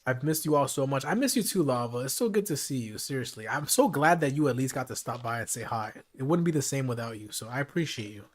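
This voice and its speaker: Late at night on his live stream, a man talks straight to his chat in a casual, chatty way, his voice worn hoarse from hours of talking. The mid-range voice is fast and lively in intonation, with few pauses.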